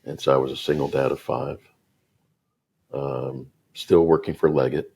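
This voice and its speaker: Very deep, gravelly man telling stories. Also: moderate pace. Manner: animated, voices the people in his stories. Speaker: guest entrepreneur. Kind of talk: casual storytelling.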